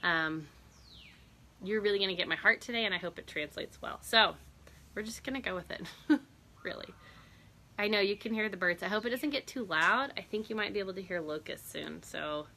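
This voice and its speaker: Bright-voiced chatty woman outdoors. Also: medium pitch, fairly quick. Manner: chatty, greets viewers by name, laughs often. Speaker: host of a live stream. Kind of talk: casual live-stream chat. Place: outdoors on a porch.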